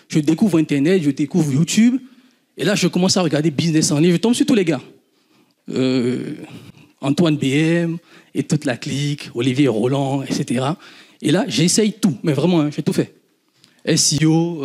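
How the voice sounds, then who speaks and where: Beninese man telling lively stories. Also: fairly high pitch, husky. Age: 30s. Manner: animated storytelling, laughs often, swears casually. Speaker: guest entrepreneur. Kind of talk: casual talk to an audience.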